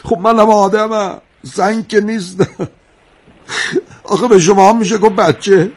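A man's voice: medium pitch, animated, slightly rough. An actor playing a sentimental middle-aged innkeeper who lectures two feuding brothers with fatherly sayings, in a TV drama. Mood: tearful. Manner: fatherly, moralizing, quotes sayings. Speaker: guesthouse host mediating between feuding brothers. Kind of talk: television drama acting.

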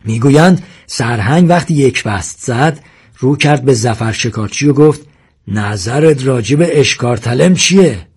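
This is an audiobook figure: a hot-headed village man who confronts and accuses, his voice husky and pushed a little higher than the reader's own, as a man acts him out. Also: lively intonation. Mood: tense. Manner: accusing, shouts at times.

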